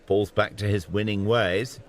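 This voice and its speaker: A man's voice: fairly low pitch, fairly even intonation, a little slow. A man narrating a light television show from a script, with playful, punning commentary. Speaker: programme narrator. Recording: loud music under voice-over.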